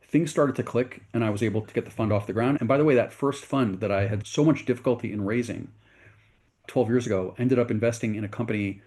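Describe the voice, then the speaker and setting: The voice belongs to a fast-talking, middle-aged American man with a medium pitch and a darkish tone. A venture capitalist being interviewed, he earnestly relates his story and keeps correcting himself.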